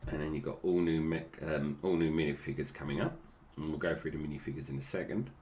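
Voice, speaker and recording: A man's voice: extremely low pitch, fast, a little mellow, a little hiss or hum. A British man giving casual, unscripted toy review commentary, with slightly slurred, toothless articulation that stumbles over names.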